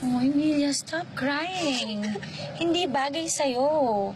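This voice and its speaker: A woman's voice: high voice, background noise. A woman playing a fake-sweet mocking friend. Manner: slow, condescending mock consolation. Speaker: comedy skit actor. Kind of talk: parody soap-opera acting. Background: loud music.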